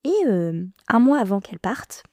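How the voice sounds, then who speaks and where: A woman in her thirties, appearing as a podcast guest, tells a personal story haltingly and emotionally, restarting often. Her mid-range voice is animated and dark-toned, captured in dry, studio-quality sound.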